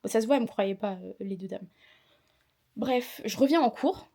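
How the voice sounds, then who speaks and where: A woman's voice: on the high side, moderate pace, creaky, mellow. Tired young woman telling a storytime. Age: young adult. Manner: chatty, indignant retelling with quoted dialogue. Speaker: student vlogger. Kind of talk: casual vlog storytime.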